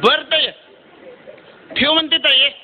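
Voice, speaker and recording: A man voicing a loud young man from Solapur shouting on the phone to his sister, with a Solapuri Marathi accent and a ringing voice. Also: very high-pitched, fairly even intonation, slow, muffled recording, heavy background noise, voice pushed up. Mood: loud phone talk.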